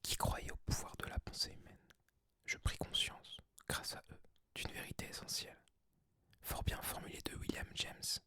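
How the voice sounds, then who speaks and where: A person of unclear sex whispering softly and breathily, as in a library, in an ASMR book reading. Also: moderate pace. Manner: soft, hushed library whisper. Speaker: ASMR creator reading aloud.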